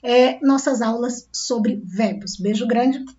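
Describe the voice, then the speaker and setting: A woman's voice: fairly high pitch, slow, mellow. A woman teacher with a Brazilian Portuguese accent, explaining step by step and often checking that her class is following. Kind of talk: recorded grammar lesson. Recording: dull lo-fi recording.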